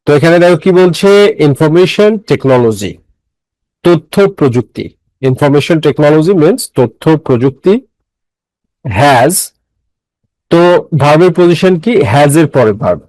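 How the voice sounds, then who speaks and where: A man's voice: a little high, expressive, moderate pace, a little mellow, dry recording, rough recording. A man teaching English grammar, explaining step by step, repeating phrases and quizzing his students, mixing English words into his talk. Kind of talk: classroom lecture.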